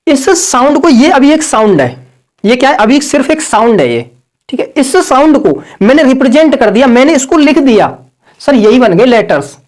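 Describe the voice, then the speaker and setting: A man with an extremely high, sing-song voice teaches grammar online at a moderate pace. He repeats every point, drills the same lines over and over, and keeps addressing listeners as "sir" and "brother," over-pronouncing the words he corrects.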